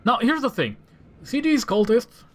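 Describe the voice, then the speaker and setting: This Romanian gaming host has a very high, fairly bright voice with big pitch swings and an unhurried pace. Speaking from a Romanian first-language background, he shows off a mod in casual commentary, thinking aloud and breaking into exasperated rants.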